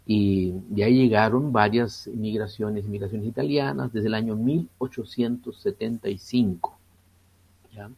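A man's voice: on the low side, fairly even intonation, vocal fry, a little mellow, breathy edge. A Chilean man in his sixties, a priest speaking as a guest in a radio interview, hesitant and full of fillers. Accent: Chilean Spanish. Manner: slow and hesitant, many fillers.

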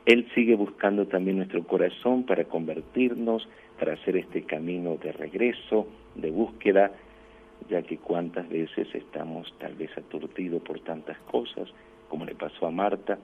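A man's voice: low voice, moderate pace, vocal fry. A man who is a priest, preaching a sermon that quotes scripture, with rising emphasis on key phrases. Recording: tinny phone-like sound with faint noise.

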